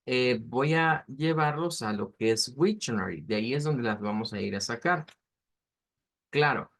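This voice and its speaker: A man teaching an online language class, explaining step by step and slowly modeling pronunciation. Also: medium pitch, a bit bright.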